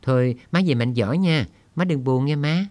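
A man's voice: medium pitch, moderate pace, a little mellow, no echo, pitched above the performer's own voice, close to an everyday voice. A man reading an audiobook voices a young male prisoner who speaks with eager, pleading politeness to an old mother.

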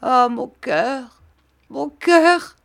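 A woman's voice: high-pitched, drawn-out words, vocal fry, pitched above the performer's own voice, exaggerated voice. A woman voicing a tearful, remorseful young woman who pleads through sobs in an audiobook. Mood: pleading.

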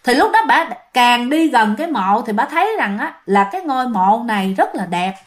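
A woman's voice: a little high, big pitch swings, moderate pace. Chatty woman storyteller. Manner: chatty, addresses listeners directly. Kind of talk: casual ghost story telling.

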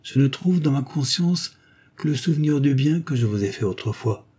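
A man's voice: medium pitch, lively intonation, normal speed, a little mellow, slightly rough, voice pushed up. A man reading the part of a grieving, proud duchess who speaks in a muffled but sharply stressed, defensive way. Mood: grave. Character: grieving proud noblewoman, a duchess, middle-aged. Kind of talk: audiobook dialogue reading.

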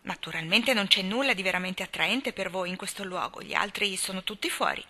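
A woman reading aloud, voicing a sour, sharp-tongued old woman who talks in a caustic, ungracious way. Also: mid-range voice, lively intonation, brisk.

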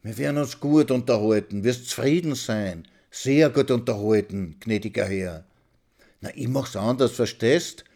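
A man's voice: mid-range voice, a little slow, warm tone, voice pushed up. A man voicing an old woman who coaxes a client in a sugary, ingratiating voice. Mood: coaxing.

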